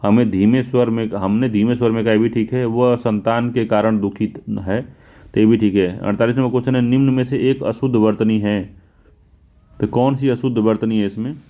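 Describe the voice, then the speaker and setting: A man with a North Indian Hindi accent going through exam questions as a teacher, repeating key words slowly for emphasis. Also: fairly low pitch, fairly even intonation, mellow. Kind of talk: explaining test answers.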